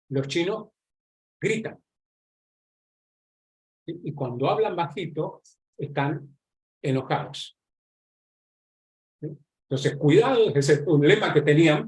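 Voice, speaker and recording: A man's voice: on the high side, darkish tone. A man with an Argentine accent gives a conversational online lecture, explaining points and checking in with his audience again and again. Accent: Argentine Spanish. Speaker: lecturer on nonverbal communication. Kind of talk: live online class lecture.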